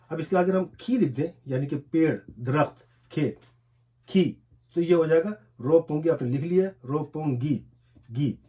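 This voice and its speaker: Mellow-voiced man teaching, slow repetitions. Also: on the high side. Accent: Urdu. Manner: repetitive, drills words slowly one syllable at a time. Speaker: language teacher. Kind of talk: explaining a lesson while writing on a board.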